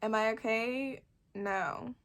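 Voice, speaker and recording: Croaky young woman chatting casually. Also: fairly high pitch, steady tone, slow, a bit bright. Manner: rambling, self-deprecating, dramatic emphasis. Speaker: video creator answering follower questions. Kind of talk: casual chat to camera.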